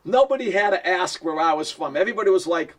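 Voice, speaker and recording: A man from Boston, USA, with a strong Boston accent talks casually to camera as a musician and producer, sounding chatty and self-deprecating and chuckling often. His voice sits high, with lively intonation and a fast pace, picked up by a distant mic.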